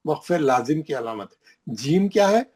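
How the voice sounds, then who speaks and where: A man leads a classroom lesson, his voice sitting a little high for a man. He talks in a steady, repetitive way and stresses key words again and again to drive each point home. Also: moderate pace. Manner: repetitive, emphatic, points at the page while explaining. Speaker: Quran recitation teacher. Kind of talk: classroom lesson explaining recitation rules.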